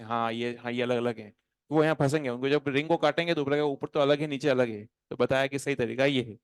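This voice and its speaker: A chemistry teacher gives an animated, playful lecture to a classroom of students, slowing to a crawl whenever he dictates notes. His mid-range voice is smooth and clear, recorded dry and close with no echo and little room sound.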